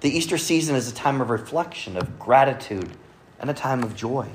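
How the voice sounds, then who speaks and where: A man preaching a Sunday sermon to a congregation, earnestly quoting scripture and often dropping to a soft, quiet delivery. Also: medium pitch, animated, a little fast, slight background noise. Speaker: pastor. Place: church service with congregation.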